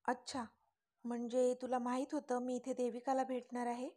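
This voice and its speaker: Teasing smirky young guy in love, woman reading him, kinda high voice. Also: monotone, normal speed, mellow, close to an everyday voice. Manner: teasing, smirking, pressing questions.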